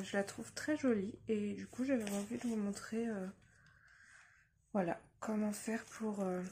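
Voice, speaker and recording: A young woman casually talking through a makeup tutorial, relaxed and hesitant with lots of fillers, recorded on a phone at home. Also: medium pitch, slight background noise. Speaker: beauty vlogger. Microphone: phone camera.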